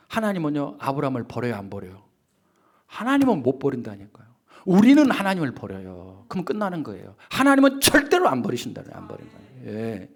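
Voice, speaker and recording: A man preaching a sermon as pastor, who swings from loud emphatic peaks to hushed whispered asides, asks the congregation rhetorical questions and acts out quoted voices. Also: a little high.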